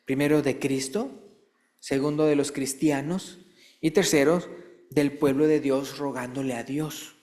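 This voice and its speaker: A man preaching a sermon in a church, explaining quietly, then reading scripture in a high, drawn-out, emphatic voice and often asking his listeners questions. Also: steady tone.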